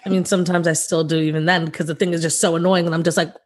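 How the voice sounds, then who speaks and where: A woman's voice: on the low side, level tone, rapid-fire. A young woman co-hosting a podcast, talking bluntly and swearing freely in casual chat. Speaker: podcast co-host.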